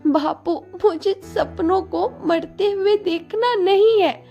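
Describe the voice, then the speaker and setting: A woman's voice: very high voice, slow pace, darkish tone, lo-fi sound, faint music behind, pitched above the performer's own voice. A woman voicing a frightened, tearful teenage village girl who pleads to keep studying. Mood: pleading. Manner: trembling, pleading.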